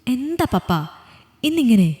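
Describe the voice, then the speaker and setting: A woman voicing a young adult daughter in a storybook reading, soft and pleading. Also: a little high, very animated, measured pace, long reverb tail, voice pushed up. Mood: tender. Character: young adult daughter, tender then shattered.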